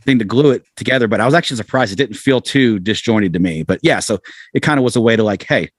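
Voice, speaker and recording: A middle-aged American man, a band frontman appearing as a guest, chats casually in an interview, rambling and poking fun at himself. His medium-pitched voice moves fast, recorded at studio quality with no room sound.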